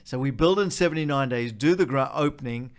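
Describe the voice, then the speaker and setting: A man's voice: mid-range voice, a little fast, clear, resonant tone. Australian-accented man explaining things step by step. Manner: explains step by step, emphasizing and repeating key points. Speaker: charity leader being interviewed. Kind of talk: explanatory interview talk.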